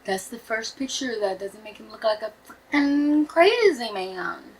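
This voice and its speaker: A woman's voice: a little high, animated, unhurried, poor audio. A woman streamer casually reacting to a true crime video, chatty and laughing, with swearing asides.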